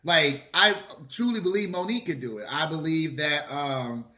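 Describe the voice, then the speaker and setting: A bright, forceful man's voice, pitched a little high, in a roomy echoing space. He chats casually between bites of food, sassy and opinionated, punching his points with slang and swearing. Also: normal speed. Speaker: vlogger hosting a mukbang. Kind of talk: casual chit-chat to camera while eating. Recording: roomy, echoey room sound.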